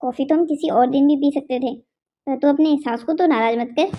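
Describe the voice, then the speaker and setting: A woman's voice: high-pitched, brisk, highs cut off, slight background noise, lightly acted. A woman voicing a sensible young female friend who gives frank advice in a cartoon. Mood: advising. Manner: frank, advising.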